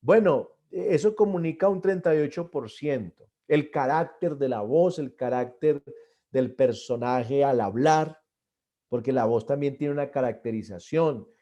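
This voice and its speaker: A man's voice: mid-range voice, measured pace, dull audio. Earnest man teaching stagecraft. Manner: earnest, repeats and restarts words, stresses key points louder. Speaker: church arts teacher. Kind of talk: classroom lecture on stage performance.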